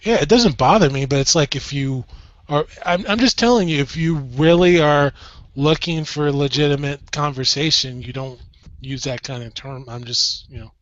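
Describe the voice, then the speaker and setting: A fairly high-pitched man makes his point in casual debate. He is earnest and halting, circling back over his words. The audio is dry and dull, like a lo-fi voice call. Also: fairly bright tone, no echo. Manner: halting, earnest, repeats himself.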